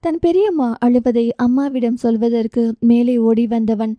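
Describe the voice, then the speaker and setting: A woman's voice: a little high, unhurried, dry recording, highs cut off. A woman narrating a romance novel audiobook, reading with feeling and giving each character their own voice. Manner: emotive, voices dialogue with feeling.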